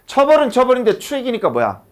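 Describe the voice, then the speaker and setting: A high school English teacher, animated and talking fast in an extremely high-pitched voice, teaches a class of students in a classroom. He fires off rhetorical questions one after another throughout the lesson.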